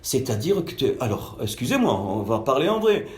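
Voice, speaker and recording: A man's voice: mid-range voice, very animated, normal speed, noisy background. A man giving an informal Bible teaching over an online call, full of fillers and restarts, growing emphatic when he reads scripture. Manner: hesitant, many fillers and restarts. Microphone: online call audio. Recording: echoey call recording.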